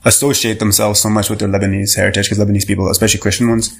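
A young Canadian man guesting on a podcast talks casually in an interview, rambling with lots of fillers and restarts. His voice is fairly low, level and slightly rough, with vocal fry, and he speaks rapid-fire.

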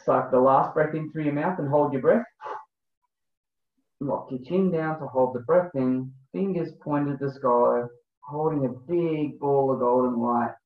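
This guest breathwork coach has a mid-pitched male voice. He guides a breathing meditation with slow, deliberately spaced instructions before moving on to a casual explanation, all captured on a thin, phone-like recording with roomy echo.

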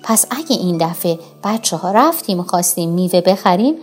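A woman narrating a children's storybook tale, talking directly to young listeners in an animated way. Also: fairly low pitch, soft background music.

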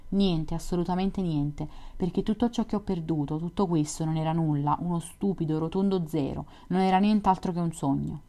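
A woman's voice: fairly low pitch, fairly even intonation, brisk, few pauses, warm tone, lightly acted. A woman reading the part of a lonely, romantic young man in a read-aloud story, with a wistful, earnest delivery. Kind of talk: audiobook reading.

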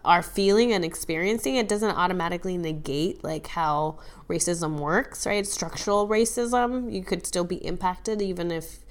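A woman co-hosting a podcast, talking in a relaxed, casual way. Her voice sits a little low, and she works through her thoughts with frequent pauses and restarts. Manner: thoughtful, hesitant with many fillers and restarts. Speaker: podcast co-host.

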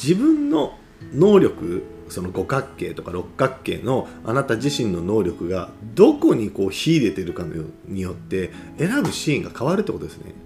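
Lively Japanese-speaking man explaining play. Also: medium pitch. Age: adult. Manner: animated, conversational, often seeks agreement. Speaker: play researcher. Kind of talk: casual explanatory talk.

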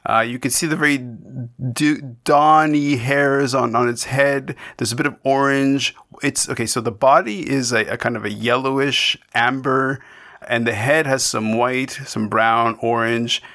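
A man's voice: mid-range voice, steady tone, unhurried, pushed and bright. A man from Canada hosting a podcast, chatting casually and rambling with many restarts and digressions. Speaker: podcast host. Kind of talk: casual interview chat.

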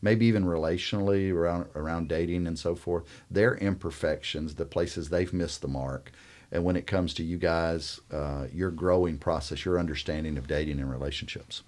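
A man's voice: low-pitched, steady tone, normal speed, darkish tone. A man hosting a casual faith-based conversation with young guests, thoughtful and rambling with many fillers. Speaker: host.

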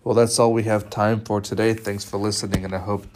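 A young man presenting a media studies film analysis in a measured, slightly halting way. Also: fairly low pitch, flat delivery, background noise.

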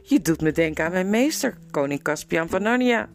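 A woman's voice: on the low side, expressive, moderate pace. A woman reading aloud, voicing a grave middle-aged male noble lord who speaks in an earnest, courtly way. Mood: kindly.

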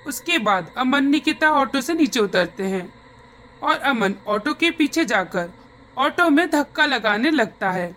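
A woman's voice: high voice, expressive, measured pace, fairly bright tone, slight background noise. A woman narrating a scripted horror story with suspenseful storytelling.

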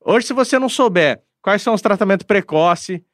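Man, high-pitched, earnest conversational guest, dry close recording. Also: animated, fairly quick, fairly bright tone, dry recording. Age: adult, father of a daughter. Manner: earnest, reflective, frequent hesitations. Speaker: guest speaking with a pastor. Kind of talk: casual conversational talk.

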